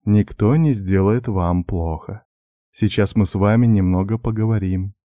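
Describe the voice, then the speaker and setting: A patient male questioner with a low, mellow voice, coaxing and lulling in an even, soft murmur in a storybook tale, as the narrator plays him. The recording is dry and close. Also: unhurried, dry recording, lightly acted. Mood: soothing coaxing. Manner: soft, ingratiating, monotonous. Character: gentle investigator man, soothing and coaxing. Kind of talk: audiobook character voice.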